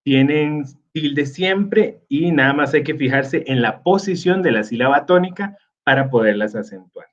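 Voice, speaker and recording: A man teaches a recorded slide lesson at a slow, unhurried pace. He stops often on small hesitations as he gathers his thoughts. The audio is dull and lo-fi. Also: on the high side, animated. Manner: slow, with many fillers like "este" and "eh".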